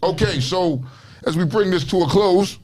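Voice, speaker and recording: A man's voice: high-pitched, moderate pace, darkish tone. A man in his forties hosting a casual talk show, talking loosely and emphatically and often tagging his points with "you know what I mean?". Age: 40s. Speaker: show host. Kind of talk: casual podcast chat.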